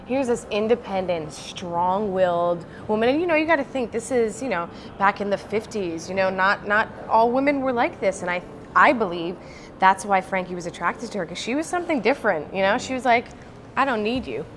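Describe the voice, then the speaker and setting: Animated actress telling an interview story. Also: female voice, mid-range voice, fairly quick, slight background noise. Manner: animated, acts out quoted voices, fillers like "like" and "you know".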